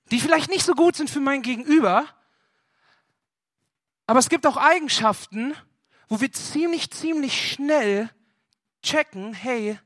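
Young north guy preaching, jokey storytelling, bright voice, dry close sound. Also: high voice, no room sound. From northern Germany. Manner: animated storytelling, acts out phone dialogue with a friend. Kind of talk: humorous sermon.

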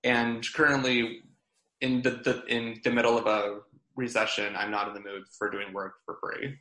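A man in his twenties co-hosts a podcast in casual chat, speaking with a stutter that repeats sounds and gets stuck on blocks. His mid-range voice is pushed and bright, with a flat delivery at normal speed. The recording has a roomy echo.

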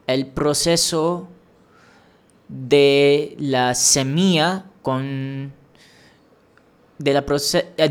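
His voice is slightly high, clear, and resonant. The Indian host of a language-learning podcast talks alone, sharing advice calmly and supportively while occasionally restarting a sentence.

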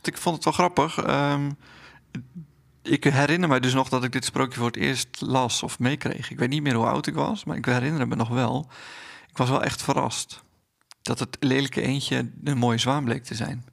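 Gravelly-voiced man reading a fairy tale. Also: mid-range voice, fairly even intonation, normal speed, fairly bright tone. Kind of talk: conversational chat and storybook reading aloud.

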